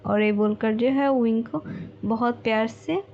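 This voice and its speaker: A woman's voice: fairly high pitch, measured pace, vocal fry, highs cut off, a little hiss or hum. A woman casually narrating a fan-fiction story, chatty and full of fillers, who speaks straight to her viewers.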